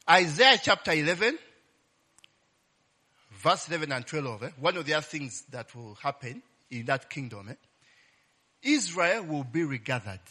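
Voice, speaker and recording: A man preaches in a voice on the high side, bright and forceful with a breathy edge. His informal sermon teaches the Bible through call-and-response, phrases often ending in "eh?", punctuated by cries of "Glory be to God" and "Hallelujah."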